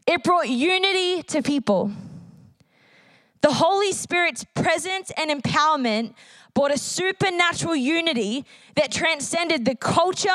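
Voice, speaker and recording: High-voiced woman preaching an earnest sermon. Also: a bit bright, no room sound, low-quality recording. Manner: earnest, repeats key phrases for emphasis. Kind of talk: sermon with a read-aloud testimony. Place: church service.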